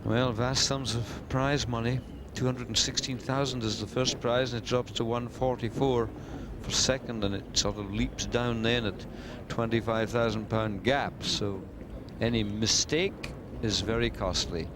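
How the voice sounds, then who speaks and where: A man's voice: medium pitch, steady tone, measured pace, few pauses. A man giving descriptive live golf commentary in an understated, conversational way. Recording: noisy outdoor sports broadcast.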